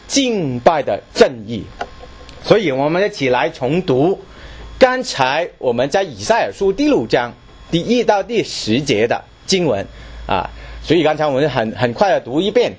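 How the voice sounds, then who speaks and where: A man's voice: a little high, husky. A man preaching a sermon, asking the congregation questions and repeating his words as he goes.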